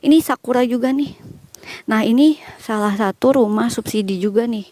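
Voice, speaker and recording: A young Indonesian woman walks outdoors through a quiet village, chatting casually and answering questions from viewers. Her voice is fairly high and warm, at a moderate pace, with no echo.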